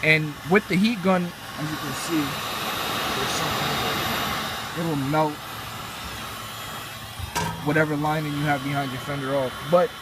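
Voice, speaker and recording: A man's voice: fairly high pitch, unhurried, pauses often. A young man hosting a car channel, explaining a how-to in a laid-back, rambling way with fillers. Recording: noisy background with vehicle sounds.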